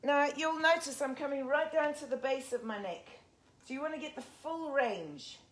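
A fitness instructor in her forties with an English accent leads a live workout in a large indoor gym, counting reps as she exercises. Her voice sits high at a normal speed, picked up by a fixed camera a few metres away.

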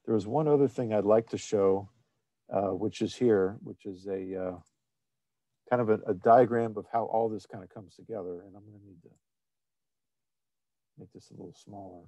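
Male webinar presenter, mellow dry voice, halting delivery with frequent fillers. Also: lowish voice, no room sound. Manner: halting, many fillers and restarts. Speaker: presenter of an online technical seminar. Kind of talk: screen-shared webinar presentation.

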